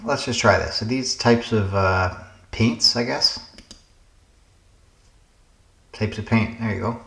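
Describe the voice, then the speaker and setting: A man's voice: on the low side, takes it slowly, a bit bright, echoey room. A man hosting a puzzle game channel, casually thinking aloud through word puzzles, musing and hesitating as he guesses.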